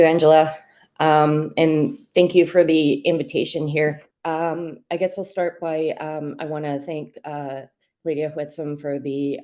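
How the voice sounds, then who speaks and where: Panelist, female, low dark voice, flat range, friendly and chatty. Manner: friendly, chatty, light laughs, fillers. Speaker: treaty worker. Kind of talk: online panel presentation.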